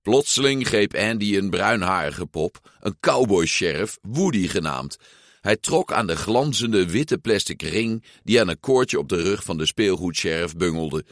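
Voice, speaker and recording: A man narrating a children's storybook aloud in an expressive, lively way. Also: deep voice, measured pace, no echo, studio quality. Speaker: audiobook reader.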